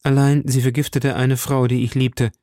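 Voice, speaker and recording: A man voicing a proud, fearless young musketeer who speaks earnestly and forcefully. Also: medium pitch, flat delivery, moderate pace, no echo, clean studio sound, pitched above the performer's own voice, natural voice.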